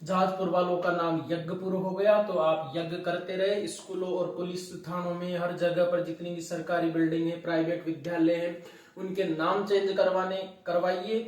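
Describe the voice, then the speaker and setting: A man's voice: high voice, level tone, moderate pace, darkish tone. A man teaching English grammar, calling his viewers dear children and answering his own questions as he goes. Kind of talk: classroom lesson to students. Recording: very echoey room, voice from far off.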